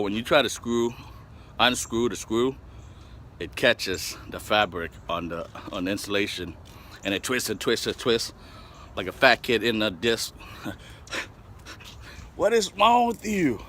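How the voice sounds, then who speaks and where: A man's voice: lowish voice, sharp tone, slight background noise. A man rambling and joking with lots of swearing while showing his bus conversion work outdoors. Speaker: DIY bus-conversion vlogger. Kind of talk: casual profane DIY vlog.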